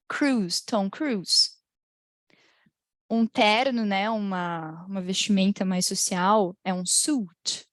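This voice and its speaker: A woman with a Brazilian Portuguese accent teaching English pronunciation in an online class. She laughs often and slowly draws out the model phrases. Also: mid-range voice, no room sound, clean studio sound. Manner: lively, drawn-out model phrases, frequent laughs.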